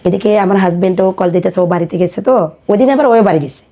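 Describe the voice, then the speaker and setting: Appearing as a podcast guest, a woman with a Bangladeshi accent tells her personal life story in colloquial, halting speech. Her voice is medium in pitch with a dark tone.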